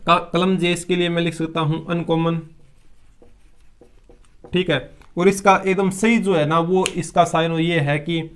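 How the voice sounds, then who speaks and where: A man's voice: a little high, flat delivery, measured pace, long pauses, fairly bright tone. A man teaching a vocabulary lesson, asking questions aloud and answering them himself, with English words mixed into his explanations. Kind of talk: classroom-style vocabulary lesson.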